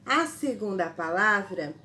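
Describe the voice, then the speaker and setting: A woman teacher, giving a spelling lesson to children slowly and patiently, spelling out syllables. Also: mid-range voice, expressive, sharp tone, slight background noise. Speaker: primary school teacher.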